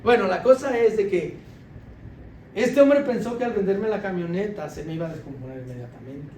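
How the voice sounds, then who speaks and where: A high-voiced man preaches as a deacon, telling a story with animation and laughter. He drops his voice low to quote others. He is heard from far off in an echoey church hall with faint ambient noise. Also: mellow. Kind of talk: sermon testimony.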